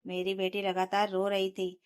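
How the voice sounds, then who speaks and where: A woman telling a scripted first-person family story with steady, emotional, dramatic delivery. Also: mid-range voice, moderate pace, clean tone.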